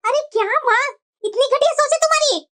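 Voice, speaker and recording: A woman's voice: very high-pitched, brisk, a bit bright, voice pushed up. A woman putting on the voice of a reproachful grown daughter in a cartoon moral story. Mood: scolding. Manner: scolding, reproachful. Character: young adult daughter, scolding and indignant.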